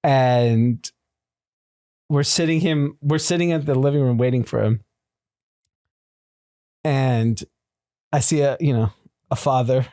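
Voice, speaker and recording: A man's voice: medium pitch, slow, pauses often, mellow. A man hosting a podcast, telling stories in casual chat, swearing freely and laughing often. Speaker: podcast host.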